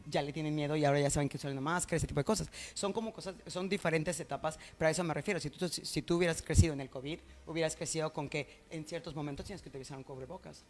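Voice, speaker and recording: A man, a guest expert explaining ideas in animated, conversational speech. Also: fairly high pitch, racing, few pauses.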